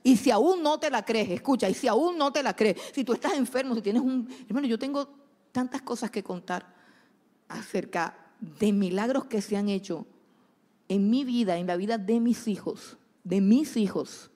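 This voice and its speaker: A woman preaching a sermon, swinging between loud exhortation and hushed asides. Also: a little high, normal speed. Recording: long hall reverb.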